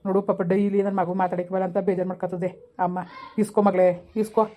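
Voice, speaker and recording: A man's voice: high voice, flat delivery, dark tone, natural voice. A man playing a coaxing village father. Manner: coaxing, rapid rural colloquial speech. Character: calm village father coaxing his daughter. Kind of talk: amateur village family drama.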